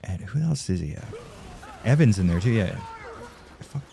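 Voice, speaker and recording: A man's voice: low voice, lively intonation, moderate pace, gravelly, mellow. A man streaming a game live, chatting casually with viewers, swearing, rambling and laughing often, tired from no sleep.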